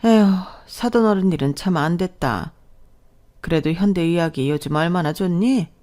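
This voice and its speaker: A woman's voice: on the low side, normal speed, warm tone, natural voice. A talkative middle-aged mother-in-law, voiced by a woman narrator, in an audio story. She fusses and consoles in a doting, motherly way and never tires of praising her son. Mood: fussing.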